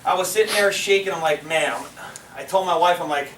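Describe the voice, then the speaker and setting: A man's voice: a little high, fairly quick. A man giving a loose, filler-heavy training talk to a live audience in a meeting room, often asking the room to agree. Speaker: team trainer. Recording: roomy sound from far off the mic with faint noise.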